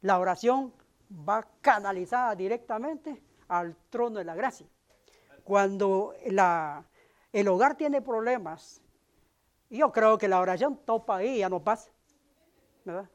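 A man's voice: high voice, unhurried. A middle-aged man preaching from the pulpit in an easy, conversational way. He keeps checking in with his listeners through short tag questions as he speaks. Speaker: pastor. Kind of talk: sermon.

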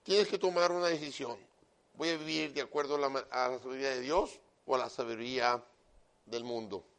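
A man preaching a sermon loudly and emphatically, with joking asides and frequent direct address to his listener. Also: medium pitch, steady tone, brisk. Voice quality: loud, emphatic delivery.

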